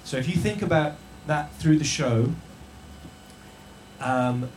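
Jokey halting man hosting live. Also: fairly high pitch, darkish tone. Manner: jokey, halting, with many restarts and fillers. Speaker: host of a live show. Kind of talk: live stage hosting to an audience. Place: yurt venue with a live audience. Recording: roomy tent echo, faint noise.

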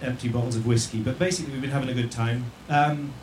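Brief: male live-event host, mid-pitched, wry and stop-start, recorded in an echoey yurt. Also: steady tone. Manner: jokey, halting, with many restarts and fillers. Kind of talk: live stage hosting to an audience. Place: yurt venue with a live audience. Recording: roomy tent echo, faint noise.

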